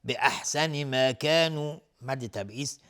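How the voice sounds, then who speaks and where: A man teaching the rules of Quran recitation. He chants each verse slowly and melodically, then explains the rules in quick, plain speech. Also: medium pitch, bright, forceful tone, clean tone.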